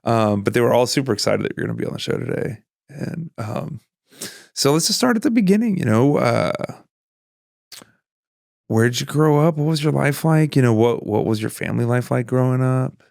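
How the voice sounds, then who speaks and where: A man's voice: mid-range voice, expressive, normal speed, vocal fry, a little mellow, dry recording, studio quality. A man hosting a casual podcast interview, rambling and restarting his sentences, often laughing. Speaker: podcast host.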